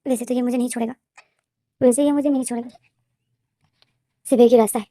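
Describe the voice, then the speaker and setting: A flustered young male teacher protests in shocked, indignant bursts, as a woman reads him in a story. The voice is rather high and dry, right at the mic. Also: steady tone, fast talker, mellow, no room sound, lightly acted. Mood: worried.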